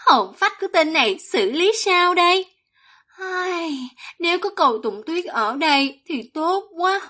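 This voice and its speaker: A woman's voice: very high-pitched, expressive, unhurried, pushed and bright, pitched above the performer's own voice, full character voice. A woman voicing a cruel, scheming young demonic sorceress with a haughty, mocking manner in a fantasy audiobook.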